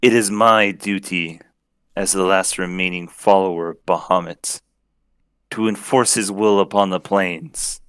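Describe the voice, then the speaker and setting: Man voicing a larger-than-life accusing goddess, formal and imperious, deep. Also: fairly even intonation, a little slow, a bit bright, clear, resonant tone, dry recording, studio quality. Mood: stern.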